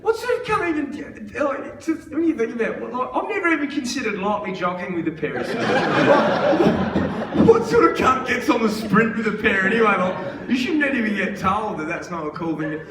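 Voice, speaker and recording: A man's voice: very high-pitched, very animated, fairly quick. A man with an Australian accent doing a live stand-up set on a theatre stage, ranting profanely. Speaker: stand-up comedian. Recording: echoey theatre, distant mic, crowd noise.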